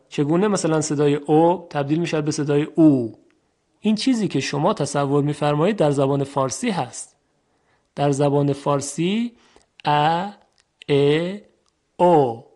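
A man giving a recorded language lesson, speaking slowly and deliberately and stretching out sample vowel sounds as he explains them. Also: fairly high pitch, darkish tone. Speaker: teacher.

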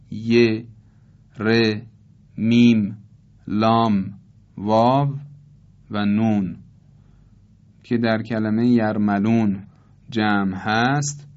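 Man teaching Quran recitation rules, deliberate. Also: mid-range voice, darkish tone, muffled recording. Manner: slow, deliberate, repeats each example slowly. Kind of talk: tajweed lesson with recited examples.

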